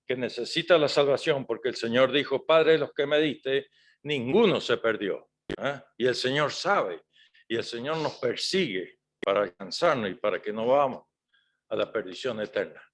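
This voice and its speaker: A man's voice: mid-range voice, a bit bright. Man preaching with constant rhetorical questions. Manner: conversational preaching with frequent rhetorical tag questions. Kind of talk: sermon.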